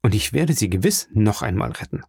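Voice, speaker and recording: Give me a man reading a desperate young prisoner in an audiobook, urgent and pleading, with a gravelly edge. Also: lowish voice, expressive, brisk, darkish tone, dry recording, clean studio sound, full character voice.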